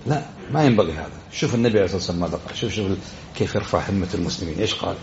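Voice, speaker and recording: A man's voice: deep voice, animated, rapid-fire, a little mellow, highs cut off. A man giving a religious lesson, exhorting his listeners and often asking them questions. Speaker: religious teacher.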